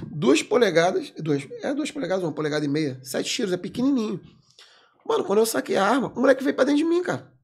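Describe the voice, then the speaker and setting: A man, a military police corporal, telling a story as a podcast guest in an animated, emphatic way, full of slang fillers. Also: sits high, husky. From Brazil. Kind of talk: casual storytelling in an interview.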